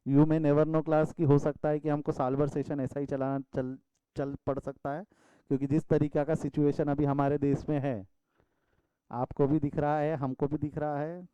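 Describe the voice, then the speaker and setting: A man's voice: on the high side, level tone, moderate pace, warm tone, clean tone, no room sound, lo-fi sound. A male commerce teacher from India giving an online class lecture over a video call, calling students "beta" and scolding them playfully.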